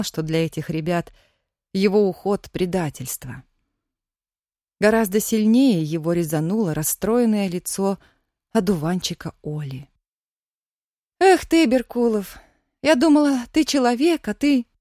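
A calm audiobook narrator reads a story at a middle pitch, voice even and unhurried. The sound is dry and close, with no room echo.

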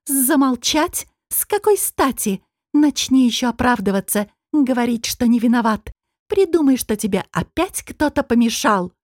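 Woman reader doing a shrill, furious young noble girl; high, loud, audiobook. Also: measured pace, dry recording, clean studio sound. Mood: furious shrieking. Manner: screeching, stamping fury.

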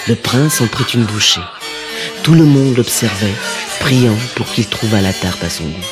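A man narrating a children's story in an expressive storytelling manner. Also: on the low side, a little slow, loud music behind the voice.

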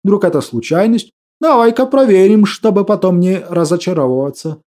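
Man reading as a calm wise old man. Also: high-pitched, moderate pace. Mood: solemn.

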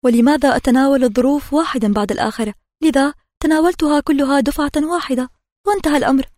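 A woman reading an audiobook, voicing a sick peasant miller who speaks low, mournful and reluctant. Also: fast talker, darkish tone, dry recording, studio quality, close to an everyday voice. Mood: sorrowful. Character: sick peasant miller, weak, sorrowful, sullen. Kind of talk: audiobook narration.

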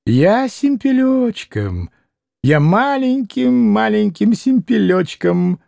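A man's voice: sits high, sing-song, slow pace, creaky, darkish tone, no room sound, studio quality, voice pushed up, full character voice. A man voicing a timid, fawning old man who giggles and mumbles his small bets. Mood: giggling.

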